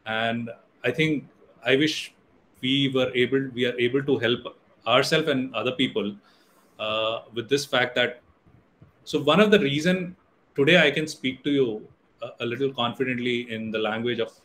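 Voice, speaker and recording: Over a video call from an indoor room, picked up by a webcam or laptop mic, a man's medium-pitched, fairly bright voice moves at a moderate pace amid slight background noise and poor audio. He is a middle-aged Indian native Hindi speaker giving a guest lecture in English, with many fillers and restarts.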